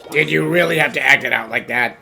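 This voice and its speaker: A man's voice: mid-range voice, fast, gravelly, sharp tone. A man playing a weary, dry-witted police inspector in an anime-style fan dub, grumbling and dry. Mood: dry, exasperated. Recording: music behind the voice.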